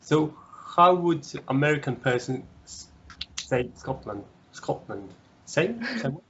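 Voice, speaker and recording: A man's voice: medium pitch, expressive, unhurried, a bit bright. A man attends an online English class as a student and asks curious follow-up questions. The video call sound is dull and muffled. A faint noise sits underneath.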